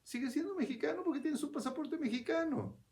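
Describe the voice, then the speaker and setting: In an extremely high-pitched voice with a somewhat dark tone, a spiritual speaker gives an unhurried, conversational reflection. He keeps checking in with whoever is listening and begins phrases over as he thinks aloud.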